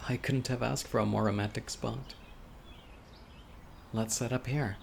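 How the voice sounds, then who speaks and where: With a mid-range, steady voice, measured pace and vocal fry, a man acts out an intimate boyfriend monologue as an eager, gravely ill young man with a hidden obsessive streak. He's shyly tender, hesitant and soft-spoken, slipping in whispered asides. Outdoors, birds and insects sing and crickets chirp, with a little hiss or hum.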